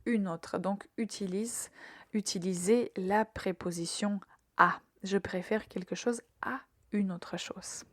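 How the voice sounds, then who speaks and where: A woman teaching a short verb lesson, speaking patiently and carefully, repeating words slowly for learners to echo and pausing with soft fillers as she explains. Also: medium pitch, clean studio sound. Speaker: French teacher hosting a verb podcast. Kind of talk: scripted language lesson.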